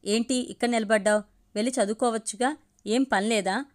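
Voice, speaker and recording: A woman voicing a proud, sharp-tongued young college woman who scolds and brushes others off. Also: on the high side, steady tone, fairly quick, natural voice. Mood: scolding. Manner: scolding, dismissive.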